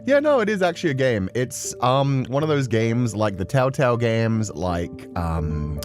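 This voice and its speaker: A gaming streamer with a medium-pitched voice and big swings in pitch talks unhurriedly over faint music. Before playing a game, he rambles casually and expressively as a livestream host.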